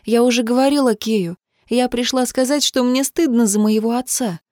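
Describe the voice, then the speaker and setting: A woman voicing a stubborn eighteen-year-old girl who talks in a high, insistent, pleading way. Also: fairly even intonation, normal speed, a little mellow, no room sound, clean studio sound, natural voice.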